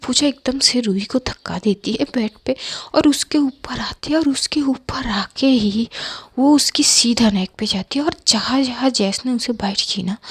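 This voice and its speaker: Casting: high-pitched woman narrator, husky and hushed, intimate storytelling. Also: no echo. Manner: soft, half-whispered, intimate delivery.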